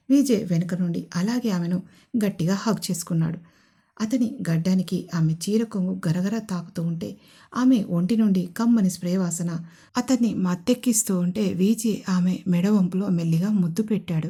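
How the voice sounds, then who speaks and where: A woman narrating a scripted romantic audio story in a steady storytelling manner. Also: medium pitch. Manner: smooth storytelling.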